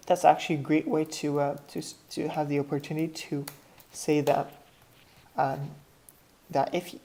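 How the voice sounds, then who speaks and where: A woman with a French accent walks through a computer tutorial in a low, mellow voice. She thinks aloud as she goes, breaking off mid-phrase to restart or correct herself. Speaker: tutorial instructor. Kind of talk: screen-share software tutorial.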